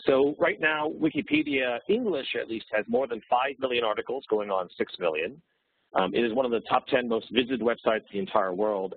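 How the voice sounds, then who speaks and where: Male presenter on a phone line, husky, dry, tinny, steady explaining. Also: on the low side, no echo. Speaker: webinar presenter.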